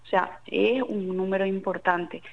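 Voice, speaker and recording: Measured woman doctor on dull radio. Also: mid-range voice, steady tone, creaky. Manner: measured, explanatory, frequent tag questions. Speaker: doctor, interview guest. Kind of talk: explanatory interview answers.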